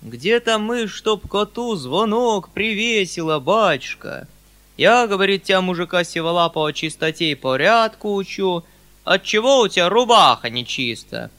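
A man reading an audiobook puts on a talkative old peasant with a wispy beard, pleading with his master in a loud, raised, folksy voice. The tone is bright and sharp, and the delivery is strained and earnest. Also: high-pitched, expressive, unhurried, voice pushed up, full character voice.

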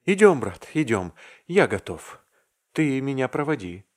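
A man's voice: on the low side, lively intonation, normal speed. A man reading aloud and voicing a meek young clerk, delirious and heartbroken, who pleads in an anguished, half-whispered voice. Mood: feverish.

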